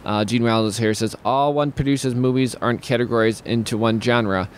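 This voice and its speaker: Speaking at a moderate pace with a medium pitch and steady tone, this young adult man hosts a streaming talk show from a small home studio. He reads out viewer comments in a loose, rambling way, frequently starting over. His studio mic and headphones pick up slight background noise, and it sounds like a casual video call.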